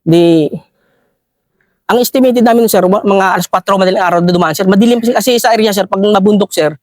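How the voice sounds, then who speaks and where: A man's voice: high-pitched, fast talker, a little mellow, no echo, studio quality. A man, a soldier, telling a war story in an interview, deferentially adding "sir" after nearly every phrase. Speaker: soldier recounting a rescue operation.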